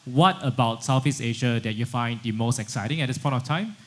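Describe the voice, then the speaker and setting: A man moderates a conference panel. He puts his questions in a formal, measured way. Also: mid-range voice, fairly bright tone.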